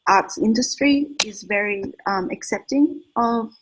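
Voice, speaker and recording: A woman's voice: a little high, a little slow, slight background noise, rough recording. A woman writer with an Australian accent speaking on a panel, reflective and a little hesitant. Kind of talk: panel discussion.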